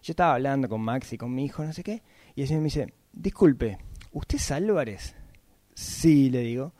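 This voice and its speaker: A man, giving a casual, chatty talk about podcasting and often tagging his points with quick questions. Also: mid-range voice, mellow, dry recording. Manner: chatty, frequent tag questions.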